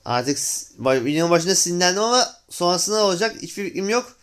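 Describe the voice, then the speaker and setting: A young man talks over his gameplay in a smooth, clear voice pitched a little high. He speaks casually to his viewers as friends and exclaims in frustration at the game. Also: animated, fast talker, a bit bright. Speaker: gaming channel host.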